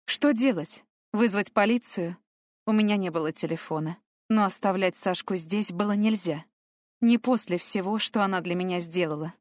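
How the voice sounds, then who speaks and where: A woman's voice: medium pitch, normal speed, no echo, studio quality. A woman reading an audiobook in first person, with tense, emotional storytelling. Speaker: audiobook narrator.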